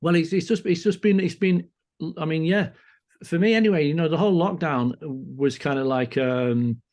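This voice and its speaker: Halting Lancashire man, podcast guest. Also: fairly high pitch, a little mellow. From Lancashire, England. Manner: halting, many restarts and fillers. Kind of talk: casual conversation. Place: farm community temple in Scotland.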